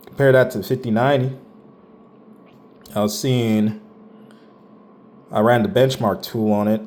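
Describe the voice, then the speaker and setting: Laid-back low-voiced man, slow drawl. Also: a little mellow. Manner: laid-back, rambling, with slang and swearing. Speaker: tech channel host. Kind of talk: casual benchmark walkthrough.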